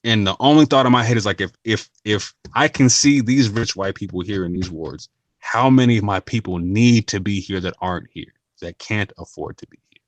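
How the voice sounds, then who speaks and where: Low-voiced earnest man vlogging. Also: normal speed, dry recording. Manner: earnest, slangy, repeats and restarts phrases. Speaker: channel host. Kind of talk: casual talk to camera.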